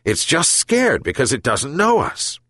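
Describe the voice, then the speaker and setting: A man voicing a poor, gentle old fisherman, in a raised, strained voice. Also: mid-range voice, wildly swooping pitch, a little slow, breathy edge, no room sound, pitched above the performer's own voice, full character voice.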